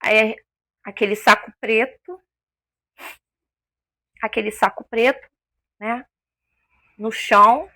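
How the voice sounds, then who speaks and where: A woman's voice: fairly high pitch, fairly even intonation, slow, long pauses, pushed and bright, no echo, studio quality. A woman giving an emotional personal testimony as an interview guest, a vivid storyteller who acts out the voices she quotes.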